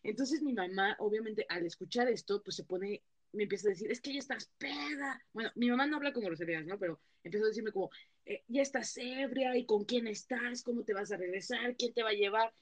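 A woman's voice: on the high side, brisk. Chatty young Mexican woman storyteller. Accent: Mexican Spanish. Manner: chatty, slangy storytelling with many fillers. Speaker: podcast co-host. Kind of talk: casual chat.

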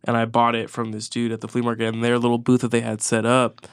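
A congested man rambles through a casual podcast chat, swearing freely and restarting his sentences. His voice stays smooth and level, with little rise and fall, on a close, dry mic. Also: mid-range voice, monotone, quick pace, no echo. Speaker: podcast co-host. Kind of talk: casual chat about music.

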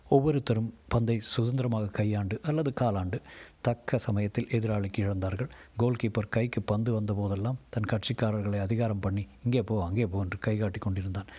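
A man reading a novel aloud in a measured, steady storytelling voice. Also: fairly low pitch, slightly rough. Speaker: narrator.

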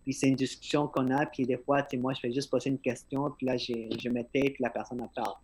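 A man's voice: medium pitch, little pitch movement, fast, a little mellow, breathy edge. A podcast host, a man with an accent and slightly slurred articulation, talking earnestly in a casual conversation and often repeating words as he starts a thought. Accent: non-native-sounding French accent.

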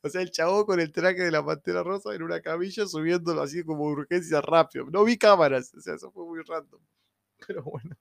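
A young man with a Rioplatense Spanish accent and a gravelly, higher-pitched voice tells funny anecdotes a little quickly. He's casual and slangy, laughing as he goes and animating his retellings with quoted voices.

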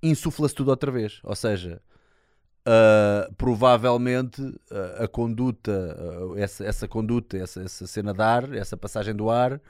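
A man's voice: fairly low pitch, moderate pace, no echo, studio quality. A man with a European Portuguese accent telling a story on his podcast, slangy, swearing and acting out quotes. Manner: animated, slangy, swears a lot, acts out shouted quotes. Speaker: podcast host. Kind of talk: casual storytelling monologue.

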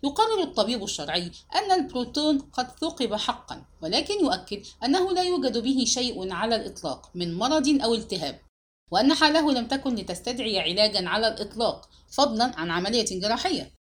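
Brief: icy, methodical male investigator voiced by a woman, high-pitched and animated in the telling. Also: fast talker. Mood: cold, accusing. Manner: calm, cold, accusing. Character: cold, probing male police investigator. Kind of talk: audiobook reading.

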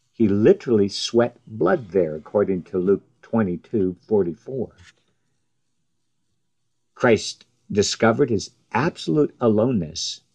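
Man preaching a sermon, slow and deliberate, voice goes way up and down. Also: fairly low pitch, darkish tone. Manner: slow, measured delivery with emphatic rises on quoted cries.

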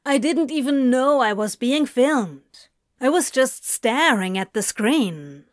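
A woman's voice: high-pitched, lively intonation, slow pace, dry recording, clean studio sound. Crowley, a flustered woman-voiced demon. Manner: blunt, clipped, offhand. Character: flustered, guarded male demon. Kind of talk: fan audiobook reading.

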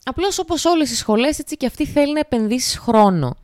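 A woman's voice: sits high, expressive, darkish tone, no room sound, clean studio sound. A young woman hosting a casual solo podcast, chatty and speaking to her listeners directly with lots of filler phrases. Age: young adult. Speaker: podcast host.

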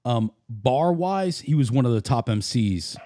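A man's voice: medium pitch, lively intonation, a little slow, warm tone, dry recording. A man chatting casually like a frat bro, full of slang and swearing. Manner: frat-bro slang, says bro and dude often. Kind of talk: casual hype chat.

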